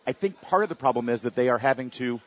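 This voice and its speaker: Fast-talking husky man on a panel. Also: medium pitch, expressive, faint music behind. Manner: rapid, pressing repeated questions. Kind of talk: panel discussion. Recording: dull lo-fi sound.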